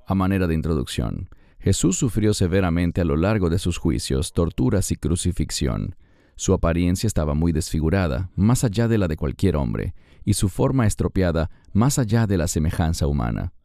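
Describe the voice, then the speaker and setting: A man hosting a Bible discussion, speaking in an earnest, measured way. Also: sits low, warm tone, no echo, clean studio sound. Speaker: host.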